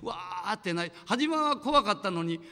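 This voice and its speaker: A man in his sixties, a singer, telling a childhood story to children with lively acted-out voices. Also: high voice, moderate pace, big-room sound. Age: 60s.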